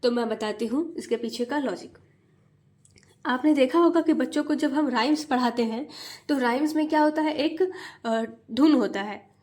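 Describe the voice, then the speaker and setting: A woman with a slightly high voice hosts a teaching video for parents, speaking as a mother and tutor. She explains each step patiently and spells words out letter by letter in a slow, sing-song rhythm. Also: a little mellow. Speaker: mother and tutor, channel host.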